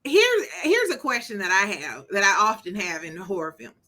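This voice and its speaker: A woman co-hosting a podcast, reviewing a movie in casual chat, animated and joking, swearing freely. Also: mid-range voice, moderate pace, background noise. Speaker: podcast co-host.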